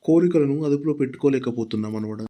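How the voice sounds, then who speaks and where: A man voicing a lusty old village grandfather in a cartoon, speaking in a low, drawling way. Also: fast, mellow, close to an everyday voice. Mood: scheming. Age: older. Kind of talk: cartoon voice acting.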